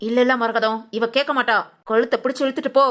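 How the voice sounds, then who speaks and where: A woman's voice: on the high side, fairly even intonation, fast talker, fairly bright tone, natural voice. A woman playing a domineering mother-in-law who harshly scolds her daughter-in-law in a village family drama. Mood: scolding.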